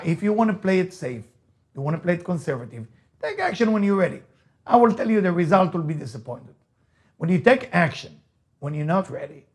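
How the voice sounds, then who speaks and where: A rabbi, motivational speaker and teacher with an Israeli accent delivers an emphatic motivational lecture, full of repeated key phrases and rhetorical questions. He is a native Hebrew speaker, and his voice sits on the high side with a darkish tone.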